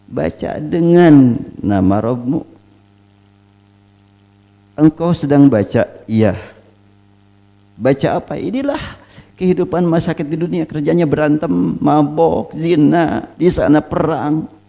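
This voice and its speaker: A man, an Islamic teacher, giving a Quran study lecture, emphatic and full of rhetorical questions, reciting Arabic phrases slowly. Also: on the high side, creaky, mellow.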